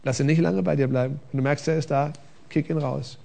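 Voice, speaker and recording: A man preaches from a church stage, speaking with a gravelly, slightly raised voice. His delivery is conversational and lively, full of questions to the room. He sounds like a pastor talking his congregation through a sermon. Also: on the high side, a little fast.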